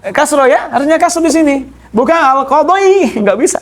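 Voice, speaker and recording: Against slight background noise, a man lectures on grammar in an animated, fairly quick way, his pitch extremely high. He takes the class through it step by step, repeats key terms, and regularly checks that everyone understands.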